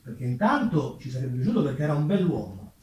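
Quick-paced and swinging widely in pitch, a mid-range male voice with a Roman Italian accent dramatizes history for an audience, full of colloquial, ironic asides. This solo theatre performer is recorded from a distant mic in a very echoey room, with crowd noise and the highs cut off.

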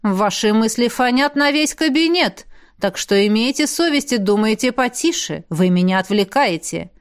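A woman's voice: on the high side, expressive, natural voice. Woman reading a stern demoness rector. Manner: dry, slow, reproachful. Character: stern witty demoness academy rector, female.

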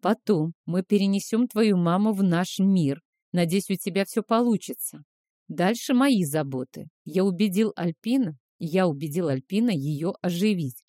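Calm commanding male clan leader in an audiobook , read by a woman, mellow dry voice. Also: on the low side, normal speed, no echo, lightly acted. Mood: calm, planning.

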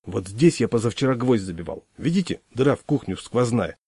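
A man's voice: medium pitch, very animated, fairly quick, warm tone, breathy edge, no echo, studio quality. A man voicing a stranger in a humorous audiobook story, first boastful and tipsy, later polite and hesitant, mumbling apologetically. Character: tipsy, then sheepish polite middle-aged man.

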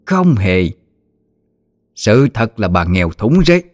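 A man's voice: on the low side, big pitch swings, slow pace, a little mellow. A man doing a furious old grandmother. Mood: scolding. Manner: harsh, accusing tirade. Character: furious old grandmother scolding her in-laws.

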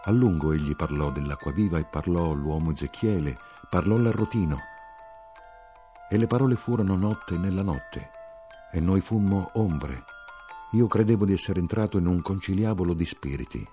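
A man narrating a literary audiobook in a measured, evocative way. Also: deep voice, mellow, soft background music.

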